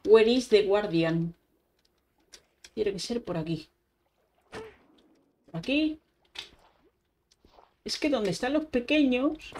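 A young woman talks her way through a Minecraft session at an unhurried pace. She chats to herself with frequent exclamations. Faint keyboard typing and mouse clicks sit behind her voice. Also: a little high, animated, darkish tone, slight background noise. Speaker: gaming YouTuber. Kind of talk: casual Minecraft gameplay commentary.

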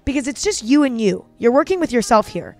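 A woman's voice: on the high side, sing-song, fairly quick, darkish tone, faint music behind. A woman giving an earnest, encouraging motivational voice-over, speaking directly to the listener.

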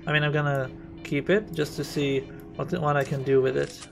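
A man's voice: a little high, steady tone, moderate pace, vocal fry, over music. A man from Israel, rambling through casual gameplay commentary as a streamer and thinking aloud.

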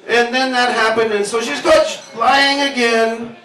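A thirtysomething stand-up comedian speaks into a handheld mic in a pub's small basement, delivering a rambling, crude, self-deprecating routine. His very high voice is pushed and bright, steady and unhurried. The sound is distant and roomy, captured from the room.

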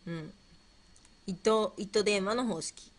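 A woman's voice: mid-range voice, slow pace. A woman hosting a casual livestream, playfully fumbling through quiz questions and chatting with viewers, musing aloud and repeating herself. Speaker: livestream host.

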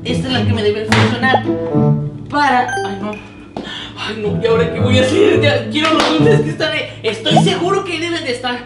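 High-pitched silly clown kid. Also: male voice, fairly quick. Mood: eager, scheming. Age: young adult. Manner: silly clown voice, whiny, exclaiming, childlike. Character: silly greedy childlike clown sneaking candy. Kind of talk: slapstick children's sketch comedy. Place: tiled living room and kitchen at home. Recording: roomy, loud music over voice.

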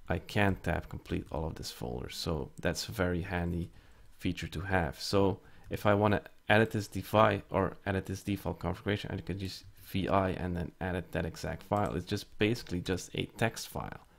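The presenter's voice sits low and sounds creaky, and he speaks a little fast with hardly any pauses. He narrates a casual network tutorial over a screen recording, explaining each step as he types commands and filling gaps with frequent fillers.

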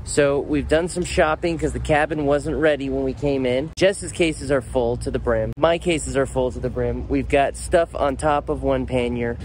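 A man's voice: mid-range voice, steady tone, normal speed, few pauses, darkish tone, slight background noise. Wry bearded man vlogging outdoors. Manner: wry, matter-of-fact storytelling. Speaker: motorcycle travel vlogger. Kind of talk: casual travel vlog. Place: outdoors in a parking lot beside his motorcycle. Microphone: phone or action camera at arm's length.

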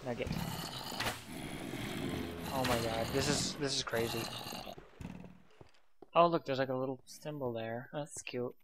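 A man's voice: mid-range voice, fairly even intonation, unhurried, long pauses, a bit bright, slight background noise. A man giving casual gameplay commentary, exasperated, muttering to himself and sighing often. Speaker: let's play commentator.

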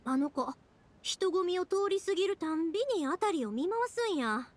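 A woman voices a cheerful, chatty young fireworks maker in a video game, speaking expressively with a Kansai accent. Her very high-pitched delivery is animated and moderately paced, chatty yet thoughtful.

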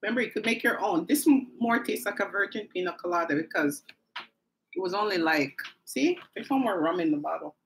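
A woman's voice: fairly low pitch, animated, brisk, a little hiss or hum, low-quality recording. A woman hosting a live stream from home, chatting casually, talking straight to her viewers and laughing often. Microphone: phone or camera mic on a live stream.

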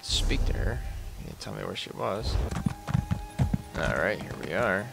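A man's voice: lowish voice, animated, measured pace, creaky, over music. A man giving casual let's-play commentary, laid-back and muttering his reactions. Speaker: gameplay commentator.

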